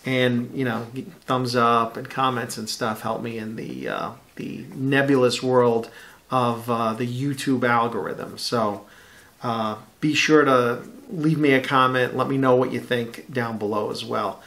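A middle-aged man talks through a model kit review at his home hobby desk in a relaxed, easygoing way, full of ums and uhs. He sounds at an even, middle pitch, recorded by a desk webcam. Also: a little slow, vocal fry. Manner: relaxed, chatty, many fillers. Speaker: scale model builder, channel host. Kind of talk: casual build review.

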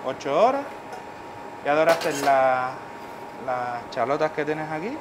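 In a noisy professional kitchen, a middle-aged chef with a fairly high, expressive voice takes his time walking through a dish step by step. He explains each stage of the cooking demonstration and keeps checking in with his listener by saying "vale."

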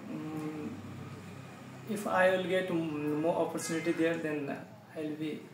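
A young man from Nepal answers interview questions in a polite, halting way, pausing often. His voice sits a little high for a man and comes from a distance in an echoey room. Steady noise runs behind him. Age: 20s. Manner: hesitant, polite, halting English with many pauses. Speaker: job applicant. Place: small indoor office. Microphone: camera a few feet away. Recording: echoey room, far from mic, clear background noise.

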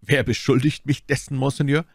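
A man voicing a bold young male musketeer in an audiobook, speaking with a steady, respectful composure. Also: mid-range voice, fairly quick, gravelly, no echo, studio quality, voice pushed up. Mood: calm, defiant. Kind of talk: audiobook character voice.

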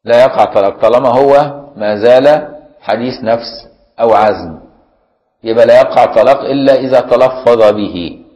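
A man with an Egyptian accent teaching Islamic jurisprudence in a religious lesson. He reads a classical text, then explains it in everyday speech and keeps asking his students whether it is clear. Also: mid-range voice, moderate pace, warm tone, muffled recording. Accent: Egyptian Arabic. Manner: explains plainly, often asks listeners if it is clear.

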